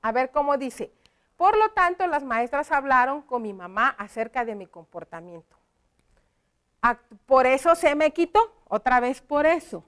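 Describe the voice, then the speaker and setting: A woman's voice: high-pitched, sing-song, a little slow, fairly bright tone, clean tone. A woman teaching a televised primary lesson, patiently asking the children questions and praising their answers.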